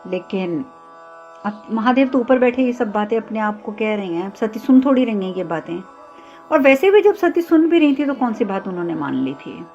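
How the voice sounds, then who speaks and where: High-voiced woman telling a devotional story. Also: expressive, normal speed. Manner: acts out the characters' lines with rising emphasis. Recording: lo-fi with soft music behind.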